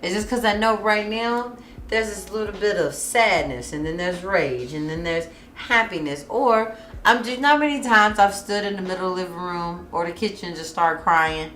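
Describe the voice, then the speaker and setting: A woman's voice: mid-range voice, lively intonation, moderate pace, fairly bright tone, echoey room. A pregnant woman in her thirties hosting a podcast, talking frankly and casually with bursts of laughter. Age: 30s. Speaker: podcast host. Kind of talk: candid casual chat.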